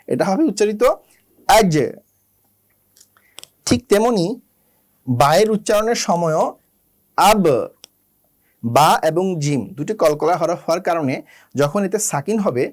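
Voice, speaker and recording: A man teaching the rules of Quran recitation, slowly spelling out letters and drilling their sounds one by one. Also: high-pitched, expressive. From Bangladesh. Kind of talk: slow instructional lesson.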